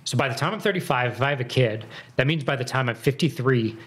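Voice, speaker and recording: A man's voice: medium pitch, quick pace, a bit bright. A man in his thirties chatting casually, rambling and correcting himself mid-sentence, with frequent swearing. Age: 30s. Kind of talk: casual chat.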